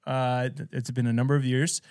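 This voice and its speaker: A man's voice: mid-range voice, little pitch movement, a little fast, darkish tone, no echo, studio quality. A man from the American Midwest hosting a podcast interview, chatting casually, joking and laughing often. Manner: jokey, rambling, laughs often. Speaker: podcast host.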